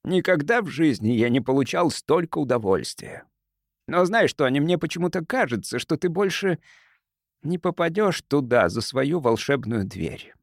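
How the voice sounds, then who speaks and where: A man voicing a genial, crafty doctor who bargains in a soft, sugary, unhurried voice for an audiobook. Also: a little high, big pitch swings, no echo, clean studio sound, voice pushed up. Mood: gentle, earnest.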